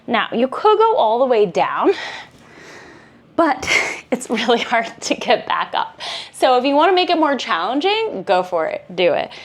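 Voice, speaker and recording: A woman guiding a Pilates workout, giving calm counted cues and encouragement. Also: a little high. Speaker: Pilates instructor. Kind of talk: guided workout instruction.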